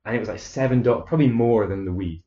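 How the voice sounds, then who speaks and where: A man's voice: fairly low pitch, quick pace, dark tone. A man hosting a podcast in casual chat, telling stories with stammering restarts and frequent laughter. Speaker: podcast host. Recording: echoey, dull lo-fi room.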